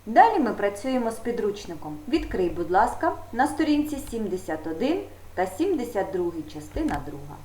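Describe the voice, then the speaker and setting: A woman teaching a grammar video lesson to young pupils, speaking slowly and emphatically straight to the children. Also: mid-range voice, sing-song, a little mellow, a little hiss or hum. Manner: slow, emphatic, addressing children directly. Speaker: primary school teacher. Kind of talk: video lesson for fourth graders. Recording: echoey room.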